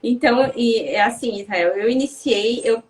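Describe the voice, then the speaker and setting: Woman, thirties, soft-spoken, casual interview chat, set back from the microphone. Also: on the high side, normal speed, far from the mic, low-quality recording. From Paraná, Brazil. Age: 30s. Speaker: guest.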